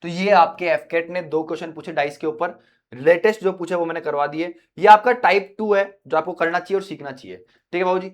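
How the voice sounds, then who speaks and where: एक पुरुष शिक्षक, कक्षा में परीक्षा की तैयारी के लिए समझाते हुए। वह बातें दोहराता है और छात्रों को बाबूजी, भैया कहकर मनाते हुए पढ़ाता है।. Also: male voice, on the high side, fairly quick. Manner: repetitive, coaxing, addresses students as babuji and bhaiya. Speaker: reasoning teacher for exam prep. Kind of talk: classroom lecture at a board. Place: classroom.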